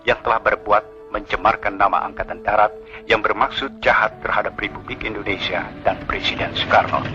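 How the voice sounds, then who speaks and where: A man reading a formal official statement on the radio in a measured, solemn way, heard as an old 1960s newsreel broadcast. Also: lowish voice. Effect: old 1960s radio newsreel sound. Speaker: radio announcer. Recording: muffled archival radio broadcast with faint music.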